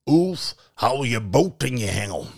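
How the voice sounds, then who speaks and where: A man voicing a brutish, gruff male mountain troll who talks loudly in broken grammar. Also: medium pitch, sing-song, takes it slowly, pitched above the performer's own voice, heavily acted. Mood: gruff boastful. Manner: loud, bellowing, broken grammar.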